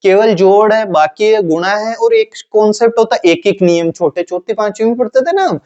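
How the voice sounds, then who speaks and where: A man teaching a classroom lesson in a casual, repetitive way. He asks questions and then answers them himself in a lower voice. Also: normal speed, darkish tone, muffled recording. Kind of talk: classroom lecture.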